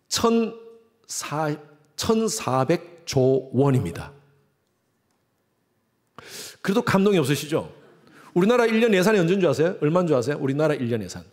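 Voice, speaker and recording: A man preaching a Sunday sermon in a church, putting questions to the congregation and acting out the voices of the people he quotes. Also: fairly high pitch. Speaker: pastor. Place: church sanctuary.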